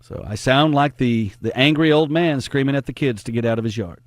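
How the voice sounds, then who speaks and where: A man's voice: medium pitch, a little fast, no room sound. A man in his forties hosting sports talk, rambling nostalgically and laughing at himself. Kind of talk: casual sports talk monologue.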